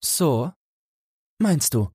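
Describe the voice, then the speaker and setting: A man's voice: a little high, expressive, a little slow, darkish tone, breathy edge, no echo, studio quality, pitched above the performer's own voice. A man voicing Felix, a young goldsmith apprentice, fearful and pleading in a fairy-tale audiobook. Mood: anxious, pleading.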